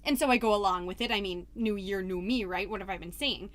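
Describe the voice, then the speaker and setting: Speaking at a medium pitch in a natural voice, this woman portrays a rambling, folksy PTA mom from the suburbs as a podcast host. Her comedy monologue is chatty and overly polite, full of self-interruptions and theatrically drawn-out phrasing.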